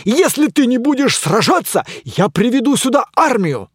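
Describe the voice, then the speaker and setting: A man voicing a pompous, blustering knight who shouts grand challenges and whose voice cracks high. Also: very animated, moderate pace, breathy edge, no echo, clean studio sound, exaggerated voice. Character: pompous blustering knight, shrill, easily flustered.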